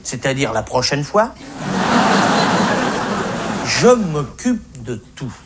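A man with a medium-pitched, sing-song voice takes his time as he performs a comic stage monologue. The stand-up's rant is colloquial, full of swearing and pretending to be naive. Audience laughter comes through in this noisy live recording.

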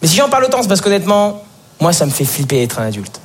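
A teenage man doing stand-up comedy on stage, talking to the audience and slipping into put-on voices. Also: very fast. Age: teens. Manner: lively, jumps into shrill put-on voices. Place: theatre stage. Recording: live show, noisy crowd.

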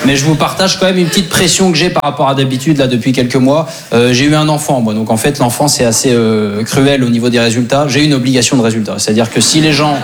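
A man's voice: medium pitch, quick pace, hardly any pauses. A young man with a French accent doing conversational, self-deprecating stand-up comedy on stage. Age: young adult. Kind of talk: stand-up comedy routine to a live audience. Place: comedy stage in front of an audience. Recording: live show with audience laughter. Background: crowd laughter.

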